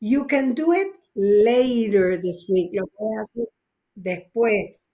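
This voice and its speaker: Unhurried woman teaching English grammar. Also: medium pitch, warm tone. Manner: patient, explaining step by step with frequent "ok?". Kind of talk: online class teaching, mixing Spanish and English.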